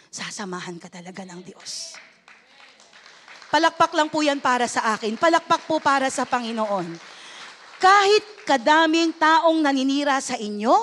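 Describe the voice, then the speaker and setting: A woman pastor delivers a sermon in a high voice, mixing English phrases into her preaching. She calls for amens and applause from the congregation. She rises to loud exclamations and drops to hushed, low lines.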